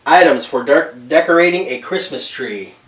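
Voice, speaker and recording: A man's voice: fairly high pitch, lively intonation, moderate pace, fairly bright tone. A middle-aged man bantering casually in a challenge game, sweary and grumbling. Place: small curtained room indoors. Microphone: camera a few feet away. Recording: echoey room, distant mic, noisy hum.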